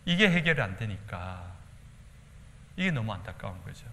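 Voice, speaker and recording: A pastor from Daegu with a Gyeongsang accent, preaching a sermon and acting out quotes. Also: male voice, on the low side, normal speed, slight background noise. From Daegu, South Korea. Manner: animated preaching with acted-out quotes. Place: church sanctuary. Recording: church hall reverb.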